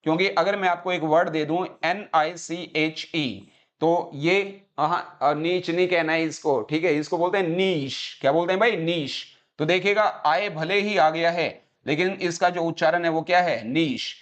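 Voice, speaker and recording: A man's voice: on the high side, normal speed, fairly bright tone. A man from Haryana with a Haryanvi accent, teaching English vocabulary and pronunciation in a live online class, mixing Hindi with English and quizzing students by having them repeat words. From Haryana, India. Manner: mixes Hindi with English phrases.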